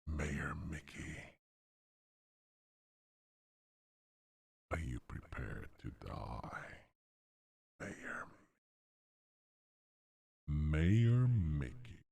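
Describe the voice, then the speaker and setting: A metallic, robotic villain voice, pitched extremely low with a gravelly rasp. It crawls along very slowly, the menace spaced out word by word. The sound is dry and close, with no room around it. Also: male voice, sing-song, dark tone, dry recording, exaggerated voice. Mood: creepy. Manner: slow, creepy, threatening. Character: menacing male villain threatening a mayor. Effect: deep robotic voice changer with a megaphone filter. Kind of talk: voice changer test on a game stream.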